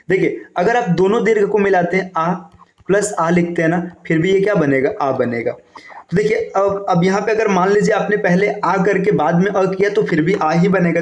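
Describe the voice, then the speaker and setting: A man's voice: high voice, darkish tone, reverberant. A male teacher giving a step-by-step exam-prep grammar lesson over slides, often checking in with his listeners. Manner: explains step by step, keeps adding "है ना" and "देखिए".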